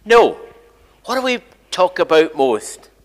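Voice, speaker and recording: Slow and sing-song, this older man's high voice carries a conversational sermon through a church sanctuary via a gooseneck lectern mic. As the preaching minister, he keeps restarting and repeating phrases and asking rhetorical questions.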